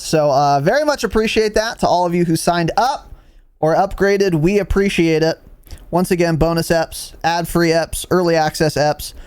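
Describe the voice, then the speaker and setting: A man's voice: high voice, clean tone, dry recording. A young man co-hosting a podcast, talking in a casual, profane, mock-exasperated way. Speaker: podcast co-host.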